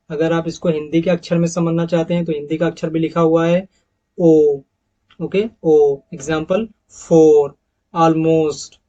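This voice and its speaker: Over a set of slides, an Indian-accented man with a fairly high, warm voice walks through English phonetics, saying each example word multiple times and calling his audience friends. The audio is dull and lo-fi.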